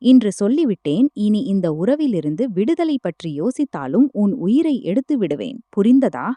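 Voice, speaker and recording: A woman's voice: mid-range voice, big pitch swings, normal speed, dark tone, no room sound, lightly acted. A woman voicing a possessive, angry young husband in a spoken romance story. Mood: menacing. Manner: menacing, threatening.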